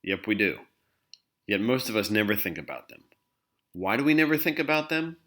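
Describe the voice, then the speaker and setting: Male language teacher, very low voice, patient scripted explainer. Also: big pitch swings, normal speed, a bit bright. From English-speaking country. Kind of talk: scripted instructional narration.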